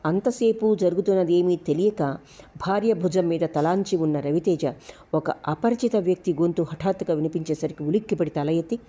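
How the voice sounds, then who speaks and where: A woman narrating a novel as an audiobook, with steady, dramatic storytelling. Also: fairly low pitch, moderate pace, breathy edge. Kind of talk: scripted narration.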